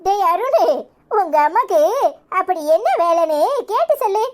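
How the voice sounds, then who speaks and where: A woman's voice: very high voice, animated, moderate pace, slight background noise. A woman playing a bossy village housewife, grumbling and complaining in a Kanyakumari Tamil accent.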